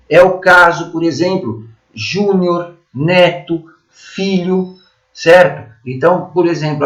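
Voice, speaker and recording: Male course teacher, slightly high voice, explains step by step, roomy recording. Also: fairly bright tone. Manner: explanatory, checks in with "correto?" and "certo?". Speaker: numerology teacher. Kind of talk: online course lecture. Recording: echoey room.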